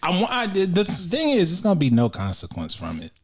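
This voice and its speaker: A man's voice: sits high, huge pitch swings, a little fast, husky. A young man co-hosting a podcast in casual chat, often laughing and crude. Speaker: podcast co-host.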